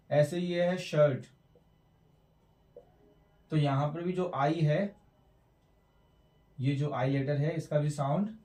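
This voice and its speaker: A man teaching English letter sounds, slowly repeating words as drills. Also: fairly high pitch, mellow, recorded from a distance. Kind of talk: classroom lesson explaining at a board. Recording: roomy echo, mic away from speaker.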